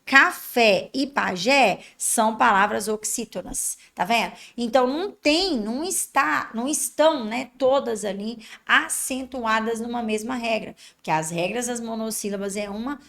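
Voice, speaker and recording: A woman's voice: a little high, normal speed, creaky, hardly any pauses, fairly bright tone. A Brazilian woman teaching Portuguese for an exam, explaining patiently and checking in with her students as she goes. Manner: acts out a student's thoughts. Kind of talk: exam-prep lesson.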